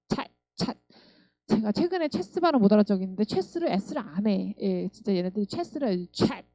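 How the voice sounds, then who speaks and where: A woman's voice: mid-range voice, mellow, no echo, dull audio. A woman teaching English pronunciation, explaining and repeating words again and again as drills. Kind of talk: language lesson.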